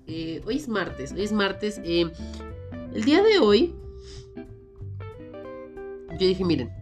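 A woman's voice: low voice, creaky. A woman with a Mexican Spanish accent hosting a casual solo podcast, rambling and self-mocking, with a cold and a sore throat. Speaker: podcast host.

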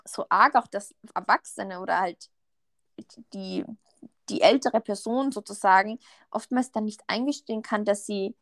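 A woman's voice: mid-range voice, moderate pace, fairly bright tone, no echo, studio quality. A young woman with an Austrian accent chatting casually as a podcast co-host, telling stories with many fillers and a note of indignation. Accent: Austrian German. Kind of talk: casual chat.

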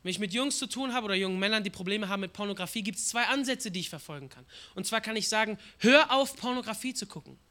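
A man preaching a sermon with passion, swinging from hushed words to loud outbursts. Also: sits high, very fast, hardly any pauses. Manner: impassioned, swings from hushed to shouting; acts out quoted prayers and voices.

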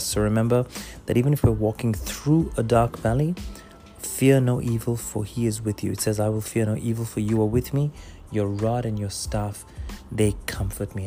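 Low, mellow-voiced man giving a devotional. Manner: conversational, many fillers, slows down to read scripture. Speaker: preacher. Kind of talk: devotional Bible teaching.

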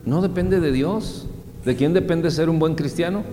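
A man preaching a sermon, asking his listeners questions and answering them himself, swinging between loud high exclamations and low quiet asides. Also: moderate pace, noisy background. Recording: long reverb, faint background ambience.

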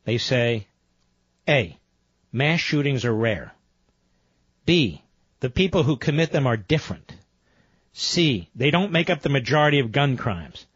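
A man's voice: big pitch swings, a little slow, pauses often, slightly rough, no echo, lo-fi sound. An American man, a talk radio host, delivering an emphatic infomercial-style read. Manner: emphatic sales pitch, repeating offers and phone number.

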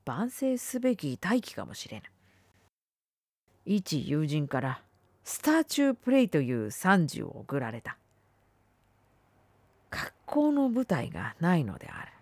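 A woman reading a literary essay aloud, dramatic, swinging between firm declarations and hushed whispers. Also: sits low, wildly swooping pitch, unhurried, pauses often, breathy edge, no room sound. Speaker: reader.

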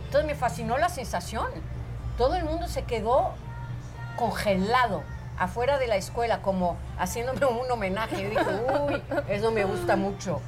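A woman in her sixties, an actress, telling stories about her life in a lively, drawn-out way. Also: a little high. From Portugal, raised in Israel. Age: 60s. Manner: animated, drawn-out storytelling, laughs easily. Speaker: actress, interview guest. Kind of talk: casual interview storytelling. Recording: music playing behind the voice.

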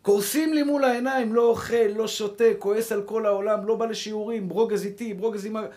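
A man with a high voice giving a sermon to his congregation as a rabbi. He preaches with passion, repeats key phrases again and again, and keeps calling his listeners brothers. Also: steady tone, a little mellow. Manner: impassioned, repeats phrases for emphasis.

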